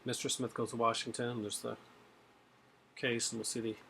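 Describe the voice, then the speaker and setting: Gravelly and sharp, this mid-range male voice comes across flat at a normal speed, with a little hiss or hum behind it. The speaker, a middle-aged Newfoundland video host with a light accent, rambles casually about what he bought, filling gaps with fillers, filmed on a webcam at home among shelves and a TV.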